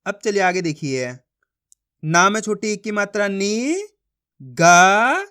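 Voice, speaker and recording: A man with a notably high voice gives a Hindi reading lesson to beginners. He drills each syllable with repeated questions and answers, in a patient, classroom-style delivery. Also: animated, a little slow, bright, forceful tone. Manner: repetitive drilling with questions to the learner.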